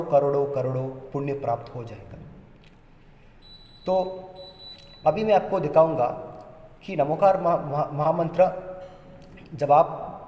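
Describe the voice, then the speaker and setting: A man with a fairly high, mellow voice gives an unhurried spoken pronunciation lesson, often repeating and restarting his phrases. He sounds recorded in an echoey room with a long reverb tail. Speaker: religious teacher.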